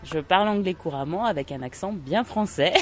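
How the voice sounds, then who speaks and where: A woman's voice: on the low side, animated, fairly quick, music in the background. A woman who runs an English conversation workshop, answering interview questions hesitantly with many fillers.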